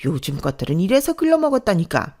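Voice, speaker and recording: A woman's voice: fairly low pitch, very animated, fast talker, a little mellow. A woman voicing a harsh, domineering grandmother-in-law in her old age who talks in a scolding, scornful way.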